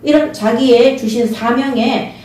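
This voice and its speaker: A woman preaches, earnest and insistent, stopping often to pull her listeners back in. Her voice is mellow and dark, and it rings through a very echoey church hall. The mic sits some distance from her, with faint room noise behind. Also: on the high side, a little slow. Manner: earnest, repeats short calls for attention. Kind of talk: sermon with Bible reading. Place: church sanctuary.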